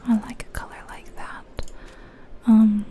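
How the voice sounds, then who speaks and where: She whispers at a fairly high pitch yet with a dark tone, flat and taking it slowly. An ASMR video creator close to the microphone, she narrates a game in a breathy, mostly unvoiced whisper, thinking aloud and indecisive.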